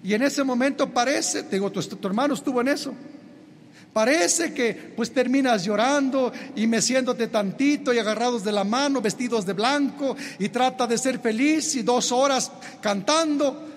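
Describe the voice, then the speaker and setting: A man preaching a sermon as a minister, building his delivery into impassioned shouts. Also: very high-pitched, moderate pace. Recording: long hall reverb, faint background noise.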